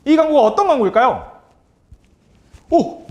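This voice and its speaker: A man runs a quiz-style workshop for teachers in a high, bright-toned voice that swoops up and down with lively range. He is upbeat and animated, calling on his audience, cheering their answers and chuckling often. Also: fairly quick, highs cut off. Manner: chuckles often between remarks. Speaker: career-education trainer leading a teacher workshop.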